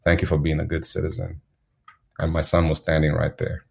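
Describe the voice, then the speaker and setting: A man from Zambia speaks as an interview guest, his voice extremely low and rough with fry. He tells his stories at an unhurried pace, holding his pitch level and even, and he chuckles now and then. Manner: unhurried, anecdotal, chuckles while telling stories. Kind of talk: reflective storytelling in an interview.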